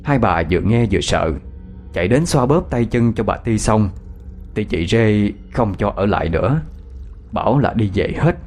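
A male storyteller telling a ghost story with a low voice and a lively, animated delivery. Faint music plays under his narration. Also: moderate pace.

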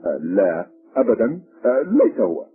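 A man's voice: lowish voice, wildly swooping pitch, brisk, husky, voice pushed up, heavily acted. A man voicing a curt, dismissive male prison officer, with a tinny phone-like sound.

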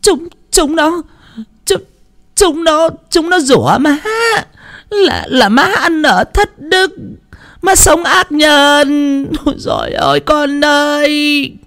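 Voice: sits high, slow, a bit bright, pitched above the performer's own voice, full character voice. A storyteller voicing a spiteful, bullying older mother-in-law who screeches scolding insults. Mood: wailing.

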